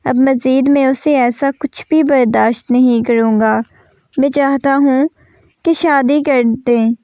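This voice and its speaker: A woman reading the lines of an angry, possessive young man in a storybook novel, in her own voice with a commanding, shouting manner. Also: sits high, fairly even intonation, clear, resonant tone, dry recording, muffled recording.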